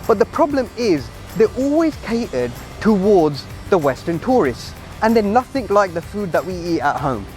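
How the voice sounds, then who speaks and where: A man's voice: high voice, big pitch swings, moderate pace, few pauses, a little mellow. A man hosting a travel and food vlog, chatting casually to viewers on location. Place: on location in busy streets and shops. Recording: music behind, outdoor street sounds. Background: music, traffic and urban sounds.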